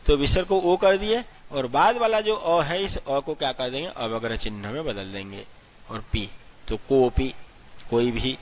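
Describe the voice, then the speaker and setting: A man teaching a grammar lesson step by step, asking questions and answering them himself, and spelling out letters slowly one at a time. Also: medium pitch, slight background noise. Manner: explains step by step, asks and answers his own questions. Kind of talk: classroom-style grammar lesson.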